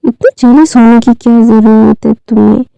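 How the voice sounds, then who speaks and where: A woman's voice: a little high, normal speed, vocal fry, mellow, smooth, no room sound, faint music behind. A woman reading the lines of a playful, teasing young man who coaxes his jealous partner. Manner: teasing, coaxing. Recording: dull lo-fi dry recording.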